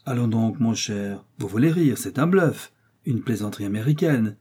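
A man voicing a shrewd, effusive French detective in an audiobook, speaking in an animated way. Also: lowish voice, normal speed, slightly rough. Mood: mocking. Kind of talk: audiobook character reading.

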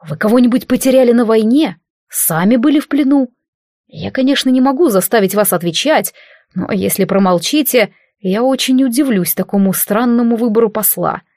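A woman reading the lines of a stern young male prince, quiet, slow and threatening in an audiobook. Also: on the high side, animated, dry recording, clean studio sound. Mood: probing.

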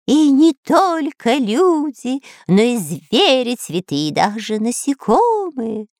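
A woman's voice: fairly high pitch, big pitch swings, takes it slowly, darkish tone, no room sound, clean studio sound, pitched above the performer's own voice, full character voice. A woman voicing a cowardly, fawning male pet parrot in a storybook reading, squawky and stammering. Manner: squawky, eager to please, stammering. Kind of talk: storybook narration.

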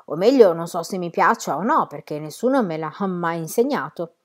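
A woman voicing a shy, lonely shopkeeper who grows lively in conversation, read from a novel. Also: lowish voice, moderate pace.

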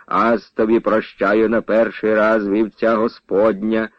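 A man voicing a pompous, playful older village priest who speaks in slow, solemn churchly phrases, on a dull, dry old radio recording. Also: lowish voice, little pitch movement, no room sound, close to an everyday voice. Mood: mock solemn.

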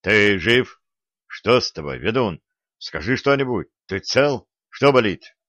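A man doing a gruff warrior priest. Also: fairly low pitch, lively intonation, unhurried, fairly bright tone, dry recording. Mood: urgent.

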